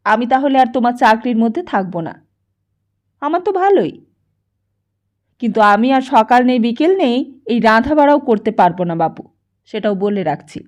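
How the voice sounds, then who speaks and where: A woman voicing a weary, bitter poor mother who scolds her son in a nagging, sharp, raised voice, in a dull lo-fi audiobook recording. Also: high-pitched, animated, unhurried, long pauses. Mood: scolding. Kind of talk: audiobook character voice.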